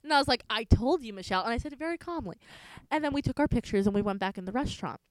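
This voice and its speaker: A young woman co-hosts a podcast, telling stories in a chatty, filler-heavy way. Her voice sits a little high and comes across smooth and clear. The sound is dry and close to the mic. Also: lively intonation, racing, dry recording, low-quality recording. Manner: chatty storyteller, many "like" fillers. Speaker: podcast co-host. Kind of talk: casual chat.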